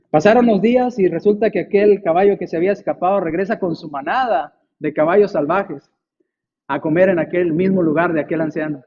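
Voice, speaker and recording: A man preaching a sermon, telling a story and acting out the villagers' voices with big jumps in pitch. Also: dull audio, a little hiss or hum. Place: church.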